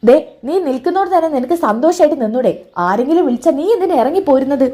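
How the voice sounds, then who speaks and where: A woman voicing a sharp-tongued young woman who coldly rejects her own child, snapping scornful retorts. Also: sits high, animated, quick pace. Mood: angry.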